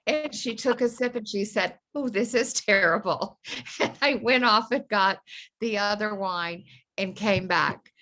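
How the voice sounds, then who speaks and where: A woman's voice: mid-range voice, steady tone, unhurried, pushed and bright. A woman sharing a tribute with an anecdote on a video call, telling it with fond, laughing asides. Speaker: friend and colleague giving a tribute. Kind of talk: remembrance storytelling.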